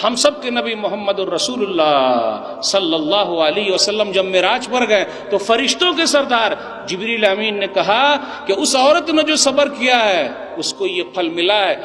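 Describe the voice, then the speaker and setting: A man giving an impassioned sermon to a congregation, questioning the audience and swinging between loud and soft. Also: high voice, lively intonation, few pauses, long reverb tail. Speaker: preacher. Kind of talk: Urdu sermon to a live congregation.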